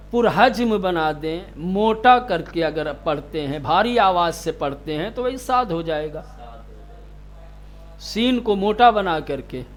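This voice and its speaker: A stern male recitation teacher with a noticeably high voice leads a classroom lesson. He draws out each letter sound slowly to demonstrate it and snaps at inattentive students. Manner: stern, scolds students sharply.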